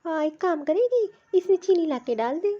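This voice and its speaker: A woman's voice: very high-pitched, expressive, normal speed, dark tone, no room sound. A woman voicing a simple, affectionate old mother-in-law from a village in a cartoon story, with homely, rustic talk. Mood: meek. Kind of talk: cartoon voice acting. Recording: dull, dry lo-fi recording.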